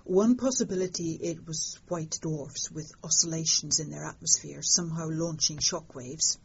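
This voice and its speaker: An older woman, telling stories in an interview in a lively, wry way. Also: low voice, moderate pace, vocal fry, a little hiss or hum. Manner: lively storytelling, fond of understatement. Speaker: interviewed astronomer. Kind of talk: conversational interview. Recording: dull lo-fi sound.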